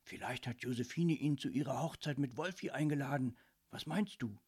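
A man voicing a cheeky boy in a children's audiobook, making hushed, scoffing asides. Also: medium pitch, moderate pace, husky, lightly acted. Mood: whispering. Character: cheeky boy, low muttering.

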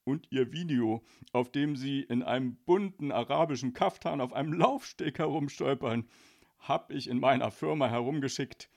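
A man voicing a snooty, mocking fashion boss in a children's audiobook, sneering loudly and haughtily. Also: medium pitch, moderate pace, creaky.

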